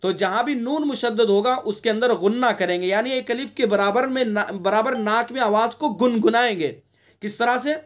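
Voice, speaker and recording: A male recitation teacher giving an online lesson, explaining patiently and breaking into long drawn-out chanted recitation. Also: very high voice, lo-fi sound. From India.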